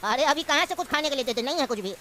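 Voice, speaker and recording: A woman voicing a scheming old uncle in a cartoon, coaxing and evasive, over loud background noise. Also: high-pitched, animated, rapid-fire. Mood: sly. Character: scheming old male uncle, tea-maker.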